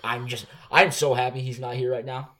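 Man, casual podcast co-host, mid-pitched voice, joking, rambling. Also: steady tone, fairly quick, a bit bright. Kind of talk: casual chat.

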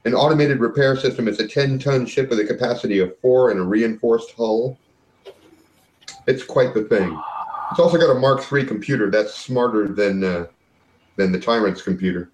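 A man's voice: medium pitch, normal speed, roomy sound, slight background noise, low-quality recording. A man narrating an improvised tabletop game as game master.

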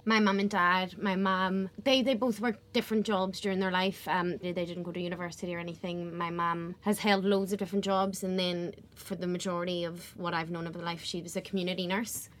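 A woman's voice: mid-range voice, steady tone, a little fast, hardly any pauses, a bit bright, slight background noise. A young woman with a West Belfast accent chats casually and effusively in an interview, repeating words for emphasis. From West Belfast, Northern Ireland. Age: young adult. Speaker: actress being interviewed.

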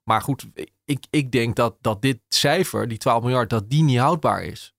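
A man with a gravelly, creaky voice talks in a relaxed podcast interview, recorded dry and close. He thinks out loud, restarting sentences and filling pauses as he explains his article. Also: mid-range voice, no room sound. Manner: hesitant, many restarts and fillers. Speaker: journalist discussing his article.

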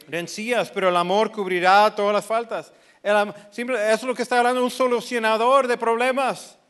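Pastor guy preaching, pretty high voice, lots of rhetorical questions, drops english bits in. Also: fairly bright tone, clear, resonant tone. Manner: slips into English phrases; acts out quoted voices. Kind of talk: sermon.

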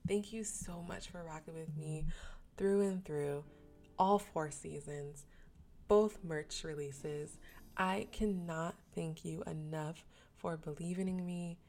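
A woman's voice: low-pitched, fairly even intonation, takes it slowly, warm tone. A woman hosting her own podcast, talking earnestly and casually with slang and frequent restarts. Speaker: podcast host. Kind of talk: candid solo podcast talk.

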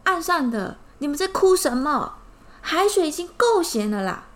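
A woman voicing a cheeky fish in a children's story, calling out loudly and teasing. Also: high voice, very animated, moderate pace, voice pushed up. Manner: loud, teasing.

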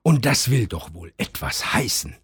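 A man reading a children's storybook aloud, telling it gently and expressively. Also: on the low side, sing-song, measured pace, slightly rough. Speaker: narrator.

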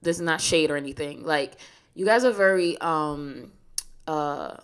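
A woman's voice: low voice, unhurried, clear, resonant tone. A woman chatting casually and informally, asking questions and feeling out her phrasing as she goes.

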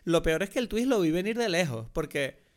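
A man with a Spain Spanish accent talks films in a relaxed chat, words tumbling out at a rapid clip. His voice sits a touch high for a man, and he argues his points with emphatic, casually profane energy. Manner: quick, emphatic, swears casually.

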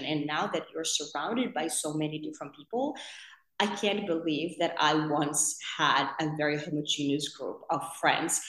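A woman from Finland, co-founder of a podcast company, chatting in an interview with a rambling, filler-heavy manner. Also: sits low. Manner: chatty, rambling, full of "you know" fillers. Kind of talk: casual interview talk. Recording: roomy echo.

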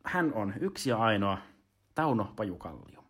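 A man hosting a casual comedic monologue in a relaxed, rambling way. He often stops and restarts his sentences as he goes. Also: lowish voice, husky. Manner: rambling, stop-start talk. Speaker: host.

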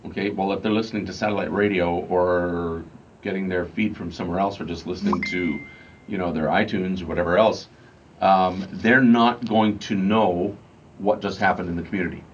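A man's voice: deep voice, slight background noise. A man, a radio morning show host, casually explaining his work with lots of fillers and restarts. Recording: slightly dull lo-fi sound with faint music.

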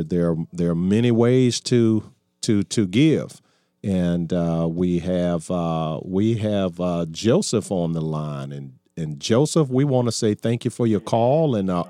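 A man's voice: sits low, dark tone, no echo, studio quality. A man in his sixties hosting a call-in talk radio show, folksy and preachy, often restarting his sentences. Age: 60s.

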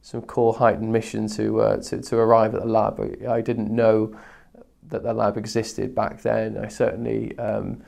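A man's voice: on the low side, monotone, moderate pace, gravelly, a little mellow. A man answering interview questions conversationally as a guest, hesitant and often repeating words as he searches for phrasing.

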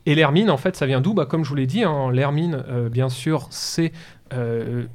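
A man's voice: mid-range voice, moderate pace, darkish tone. A man on a radio talk show explaining history in a hesitant way, with many fillers and restarts. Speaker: history guest explaining heraldry. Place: radio studio.

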